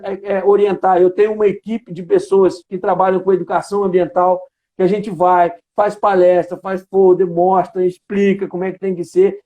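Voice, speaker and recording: High-pitched man explaining earnestly. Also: dark tone. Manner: earnest, explains at length, many "né" tags and restarts. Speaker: company environmental manager, guest. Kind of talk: explanatory interview answers.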